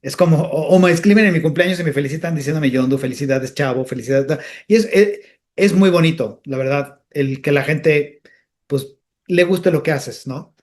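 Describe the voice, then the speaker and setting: A man chats as a guest in a relaxed interview. He tells stories with lively energy and now and then dips into character voices. His voice sits a touch higher than most men's. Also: normal speed. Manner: animated storyteller who slips into character voices. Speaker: comedian and voice actor, guest. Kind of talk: casual interview chat.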